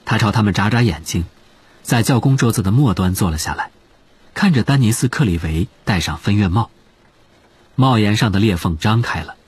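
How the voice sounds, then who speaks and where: A man narrating an audiobook in an expressive storytelling manner. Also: fairly low pitch, a little fast, husky, dry recording.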